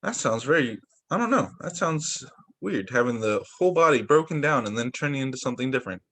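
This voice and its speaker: A young male teacher with a mid-range, fairly bright voice reads picture books to children over a video call. His delivery is animated and brisk, and he keeps breaking in with little asides and exclamations. The audio comes through a computer mic.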